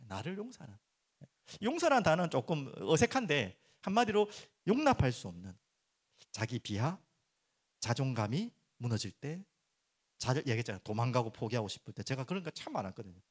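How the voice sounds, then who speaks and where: Animated middle-aged male pastor preaching. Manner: animated, acts out prayers and complaints in raised voice; drops to soft, low tones for earnest points. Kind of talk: sermon.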